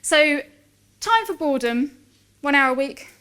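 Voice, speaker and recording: A woman in her forties giving a lively conference talk, chatty and self-mocking, acting out dialogue in her stories. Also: high-pitched, measured pace. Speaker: conference speaker.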